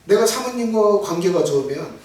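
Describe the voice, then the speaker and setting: A middle-aged male pastor preaching a Sunday evening sermon in a church sanctuary. His delivery is emphatic: he swells to near-shouts, then drops to hushed asides. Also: high-pitched, expressive, normal speed. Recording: echoey hall from far off.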